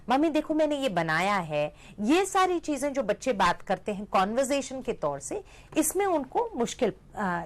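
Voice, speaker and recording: A middle-aged woman giving a lecture, explaining step by step and often checking in with "right?" and "hmm?". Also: mid-range voice. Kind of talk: lecture mixing Hindi and English.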